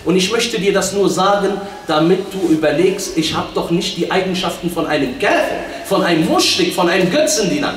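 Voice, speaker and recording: A man preaching a sermon with passion, moving between loud appeals and low, quiet asides, and reciting verses in Arabic. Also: lively intonation, a little fast, hardly any pauses. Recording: echoey hall from far off with faint noise.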